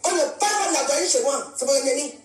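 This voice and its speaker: A Cameroonian woman streams live on social media in an angry, defiant rant, confronting her audience and repeating her points. Her high voice is fast with lively intonation, sounding off-mic and distant in an echoey room with faint music.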